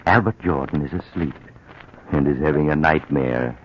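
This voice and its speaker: A sinister storyteller who invites the audience into terror with a teasing, ominous lilt. His voice sits very low, and it comes through a muffled old broadcast full of hiss. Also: moderate pace. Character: sinister male narrator, the Mysterious Traveler. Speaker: narrator host. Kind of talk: 1940s radio acting.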